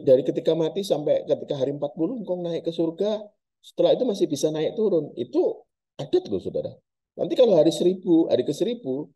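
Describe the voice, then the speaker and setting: A man's voice: a little high, dark tone, dull audio. A male pastor preaching a sermon, telling a story dramatically and addressing his congregation directly. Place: church service.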